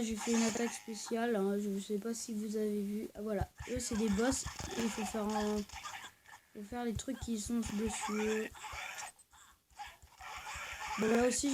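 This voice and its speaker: A woman giving casual gameplay commentary for her video channel, hesitant and soft-spoken, full of pauses and fillers and often trailing off. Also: fairly high pitch, background noise. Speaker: gaming video host.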